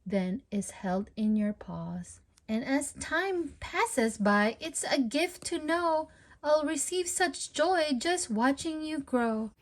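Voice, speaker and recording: Reading a picture book to little kids from home, a storytime host uses a high, sing-song, animated voice and takes a slow pace. There's a faint hiss or hum on the recording.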